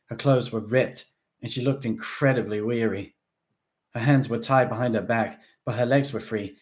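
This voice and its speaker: A man narrates a novel in the first person with steady, earnest delivery. His voice sits on the low side for a man. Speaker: audiobook reader.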